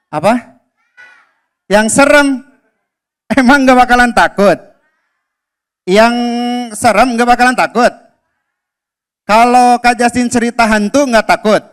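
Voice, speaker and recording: A man's voice: very high-pitched, a bit bright, clear, resonant tone. A man telling a story live to schoolchildren at a school event, teasing them with playful questions. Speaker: children's storyteller.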